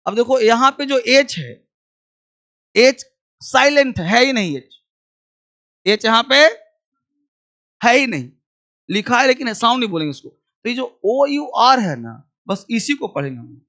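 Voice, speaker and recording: A high-voiced man teaches a beginners' grammar class. He keeps asking the class questions and answering them himself. He repeats each phrase slowly so students can copy it down. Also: big pitch swings, fairly bright tone.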